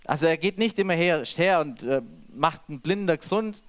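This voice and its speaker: A man's voice: fairly high pitch, normal speed, fairly bright tone. A man reading scripture aloud and then preaching freely, with some restarts.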